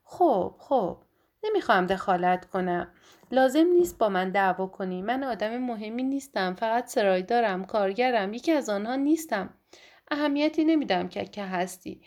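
Woman reading as a gruff old caretaker man. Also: mid-range voice, lively intonation, a little mellow, close to an everyday voice. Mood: defensive. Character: old male house caretaker, gruff but wary.

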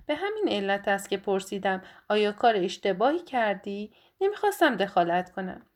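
A woman's voice: mid-range voice, sing-song, natural voice. A woman voicing an old male house caretaker who talks bluntly and defensively in a read story. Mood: suspicious.

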